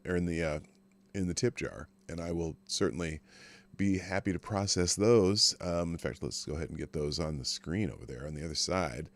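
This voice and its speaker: A tired, just-woken man hosting a casual morning livestream, rambling informally. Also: low voice. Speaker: live show host.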